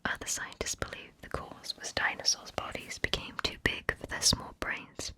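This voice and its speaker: An ASMR narrator whispering scripted facts right up close to the listener's ear throughout. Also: normal speed. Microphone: close ear-to-ear stereo microphone.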